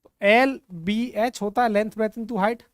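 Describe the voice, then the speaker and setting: A man's voice: sits high, steady tone, slow, no echo, clean studio sound. A male physics teacher giving a board lecture, mixing English terms into Hindi and often asking the class if they follow. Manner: repeats questions to the class and answers them himself; mixes English terms with Hindi, frequently checks understanding.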